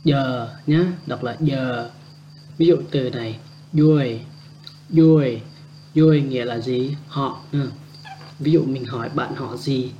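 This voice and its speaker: A man giving a casual spoken language lesson, repeating example words slowly and adding chatty, joking asides. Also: mid-range voice, dull audio, a little hiss or hum. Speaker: language teacher.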